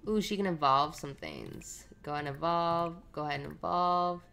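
A woman's voice: low-pitched, lively intonation, moderate pace, gravelly, fairly bright tone, faint music behind. A woman giving casual running commentary while playing a life-simulation game, chatting to the characters on screen. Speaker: let's play host.

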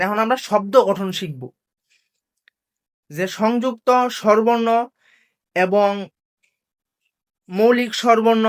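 A woman teacher walks through a language lesson one step at a time. She asks a question, answers it herself, and says each sound again slowly. Her voice sits in an ordinary middle pitch.

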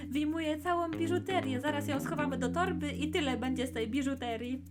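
A woman's voice: high voice, fairly quick, over loud music, close to an everyday voice. A woman voicing greedy, scheming adult twin sisters who are thieves, in a toy play story with a pushy, wheedling manner.

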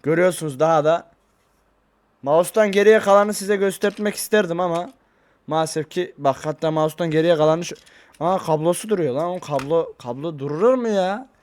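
A man talking casually to his viewers in a vlog, rambling and excitable, into a desk microphone. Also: a little high, brisk. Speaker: YouTuber. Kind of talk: casual vlog talk to camera.

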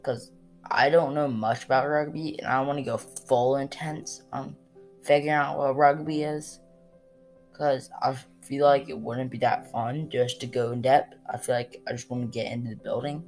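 A woman's voice: rumbling low, steady tone, moderate pace, darkish tone. A woman chatting casually through a Lego build vlog, rambling and hesitant with lots of fillers. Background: guitar music.

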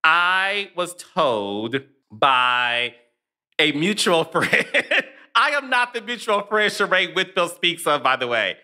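A man's voice: on the high side, very animated, takes it slowly, pushed and bright. A man hosting a casual gossip podcast, telling stories animatedly and laughing often. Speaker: podcast host.

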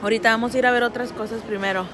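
A woman in her thirties filming a family vlog on her phone, chatting straight to her viewers and gently correcting the kids along the way. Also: fairly high pitch, steady tone, very fast. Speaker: family vlogger. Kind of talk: casual vlog chat to viewers. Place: car at night, shopping mall, home kitchen. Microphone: phone held at arm's length. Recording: loud crowd and background noise.

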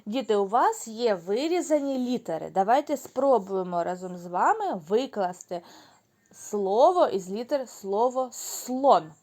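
A woman teacher leading a lesson for young children, speaking slowly and clearly, drawing words out syllable by syllable and praising the class. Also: on the high side, animated, darkish tone. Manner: praising, answering her own questions.

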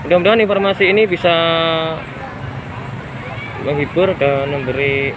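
Reporting live on the street beside a mall fire at night, a citizen reporter vlogger films with his phone camera in hand. His voice is on the high side at a moderate pace, the sound is phone quality, and loud street noise fills the recording. His description of the scene is urgent and repetitive.

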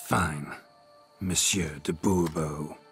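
A world-weary monster hunter in a fantasy role-playing game, speaking in clipped, dry, sardonic lines. His voice is remarkably deep and low. Faint music plays behind him. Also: steady tone, slow, a bit bright, heavily acted. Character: gruff world-weary male monster hunter, middle-aged. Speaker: witcher taking a contract.

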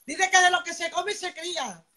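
Chatty bright-voiced woman selling live. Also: very high voice, moderate pace. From Spain. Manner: chatty, keeps asking "vale", greets viewers by name. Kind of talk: live-stream sales pitch.

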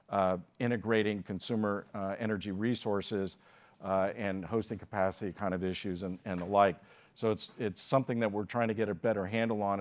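On a conference stage, an older man from the United States gives a keynote at a lectern microphone. His voice sits on the low side, and his delivery is measured with frequent filler pauses.

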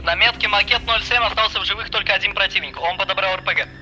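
A man's voice: sits high, quick pace, pushed and bright, faint music behind, rough recording. A man calling in clipped tactical reports as a drone operator, sounding like a helmet radio in a military game. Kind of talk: radio-style tactical reports during gameplay. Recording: game radio chat with faint noise.

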